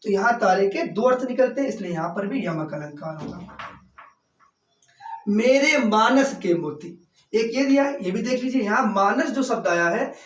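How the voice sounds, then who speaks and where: A man teaching a class lecture, reading examples out slowly and then repeating the key terms. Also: high-pitched, animated, faint music behind. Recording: roomy echo, mic far from speaker.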